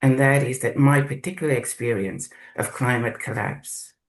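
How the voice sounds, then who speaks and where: A man from South Africa sharing his experience in a group video call, speaking slowly and haltingly as he searches for words. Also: mid-range voice, low-quality recording. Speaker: course participant.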